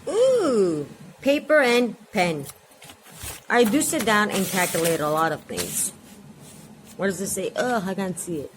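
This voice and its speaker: A woman in her forties talks to her vlog viewers at home in a loose, rambling way, hopping between subjects. Her voice sits at an ordinary middle pitch. A faint hum of background noise runs under her talk. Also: sing-song, a little slow, long pauses. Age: 40s. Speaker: vlogger. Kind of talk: casual vlog chat.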